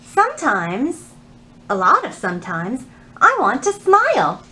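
A children's librarian in her thirties hosts storytime indoors in a library, expressive and animated as she speaks straight to young listeners. Her voice sits high and moves a little slowly.

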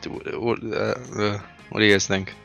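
A man's voice: fairly low pitch, level tone, moderate pace, vocal fry, pushed and bright, muffled recording, soft background music. A man in a casual let's play with friends, joking and reading game text aloud with some ham.

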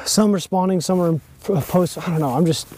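Excitable young man out fishing. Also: high-pitched, normal speed, a little hiss or hum. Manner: excitable, chatty, lots of exclamations. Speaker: fishing vlogger. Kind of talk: casual outdoor chat while fishing. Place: outdoors on a bass boat on a lake. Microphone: action camera mounted on the boat.

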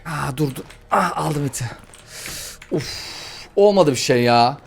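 High-voiced excitable man narrating a game. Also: a little slow, vocal fry, slight background noise. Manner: excitable, slangy, frustrated chatter. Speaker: gaming YouTuber. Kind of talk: let's-play commentary.

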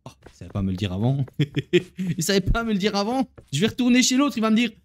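Brief: playful gaming host, a man with a fairly high voice, talking straight to viewers as he plays. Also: lively intonation, fast talker. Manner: chatty, talks straight to viewers while playing; playful, laughs at himself. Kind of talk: casual gameplay commentary.

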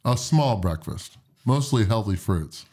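A man's voice: fairly low pitch, lively intonation, a little slow, a little mellow, slightly rough. A man chatting casually as a podcast guest, easygoing and jokey, laughing often. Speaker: guest, competitive eater. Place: podcast studio.

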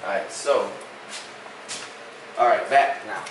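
On his cooking vlog, a young Louisiana-accented man takes his time, speaking in a fairly low voice as he cooks at home and teases casually in a joking, easygoing way. The audio comes from a phone camera resting on the counter, with echo and background noise from the kitchen.

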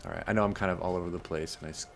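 A man hosts a let's play in a loose, rambling commentary, teasing himself and talking back to the characters on screen. His voice is deep and gravelly, and he takes his time. Faint music plays behind him. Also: fairly even intonation, rapid-fire. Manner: rambling and self-deprecating, talks to the game characters. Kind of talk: casual gameplay commentary.

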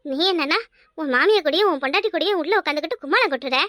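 A woman plays a quarrelsome village mother-in-law in a cartoon, nagging in a high, bright voice. She fires off her words fast in a Kanyakumari Tamil accent. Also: expressive, no room sound, clean studio sound. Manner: nagging, shouting. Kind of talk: cartoon voice acting.

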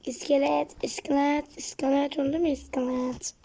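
A woman's voice: sits high, flat delivery, moderate pace, vocal fry, warm tone. A woman giving casual gameplay commentary, muttering to herself and often dropping to a whisper. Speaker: gaming streamer.

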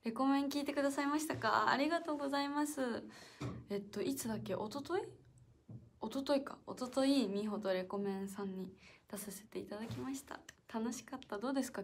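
A chatty young woman hosts a solo livestream from an indoor room with a piano, reading out viewer comments. Her voice sits a little high, and she often laughs or drops to a soft whisper. Faint background noise sits under her voice. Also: a little fast. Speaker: idol livestream host.

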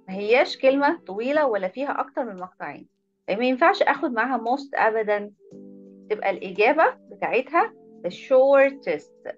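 In an online video lesson, a woman with an Egyptian Arabic accent teaches English, explaining patiently and praising each pupil by name. Her voice is on the high side, and the recording's highs are cut off.

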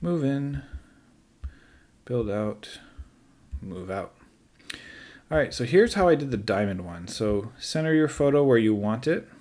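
A man who is a teacher, calmly talking through a screen-recorded software tutorial step by step, with light joking asides. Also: medium pitch, a little slow, long pauses.

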